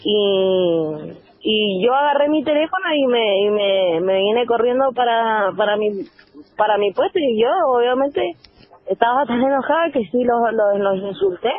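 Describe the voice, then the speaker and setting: A woman on a phone interview, recounting events in a halting way with many restarts and quoted dialogue. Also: fairly high pitch, lively intonation, a little hiss or hum. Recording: tinny phone line.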